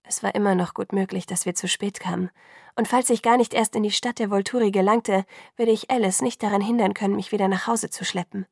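A woman narrating a novel in the first person, calm and measured, on a close studio mic. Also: medium pitch, gravelly, no room sound. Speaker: audiobook narrator.

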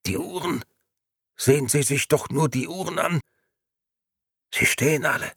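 A man voicing a suspicious grey gentleman in an audiobook, speaking slowly with an ashen voice. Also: fairly high pitch, creaky, husky, no echo, clean studio sound, pitched above the performer's own voice, full character voice. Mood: uneasy. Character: uneasy male grey gentleman, cold and suspicious.

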